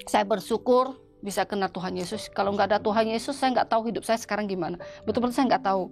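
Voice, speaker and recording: A woman giving a church testimony in an interview, talking in a halting way with many restarts. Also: mid-range voice, soft background music. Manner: halting, with frequent restarts and repeated words.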